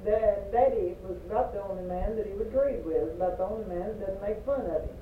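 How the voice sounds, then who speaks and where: A woman's voice: medium pitch, a little fast. Older woman, Appalachian accent, casual storytelling, far from the mic, roomy echo. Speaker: family member reminiscing. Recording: echoey, distant, noisy, phone-like home recording.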